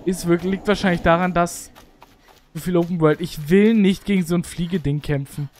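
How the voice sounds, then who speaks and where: A gamer gives casual let's play commentary, reacting excitably and complaining out loud. Their voice sits in a middle pitch, with frequent sudden exclamations. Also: brisk. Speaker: gaming video creator.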